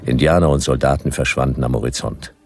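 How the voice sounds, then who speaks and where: A very deep, gravelly male voice plays a laconic hardboiled detective, narrating his Western ordeal in first person for a noir-style radio play. He talks fast in a full character voice, dry and deadpan, with no room sound.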